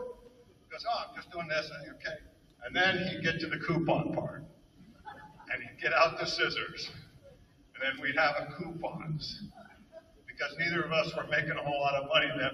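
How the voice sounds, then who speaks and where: A man, a fellow coach, giving a halting, emotional memorial speech full of reminiscences. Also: fairly high pitch, noisy background. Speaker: eulogy speaker, fellow coach. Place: hall at a memorial service. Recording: echoey hall from far off.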